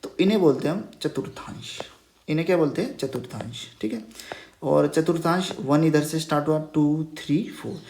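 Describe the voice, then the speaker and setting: A man's voice: on the high side, moderate pace, a little mellow, a little hiss or hum. Roomy-sounding male teacher, patient. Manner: checks in with "ठीक है" after nearly every phrase; patient, repeats key terms as questions. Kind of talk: Hindi math lesson over a whiteboard. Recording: roomy echo.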